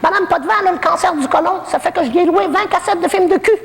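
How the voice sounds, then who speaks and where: Talking fast and sounding cheeky, a woman plays a bawdy Québécois granny living in a nursing home for a comedy character monologue. The voice is very high and gravelly, with a long hall echo, and the jokes are saucy, gossipy and self-mocking.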